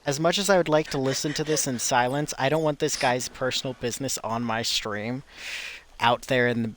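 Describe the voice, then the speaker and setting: A man's voice: mid-range voice, steady tone, brisk, fairly bright tone, slight background noise. A man streaming a game, chatting casually and telling playful, rambling stories. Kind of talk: casual chat while gaming.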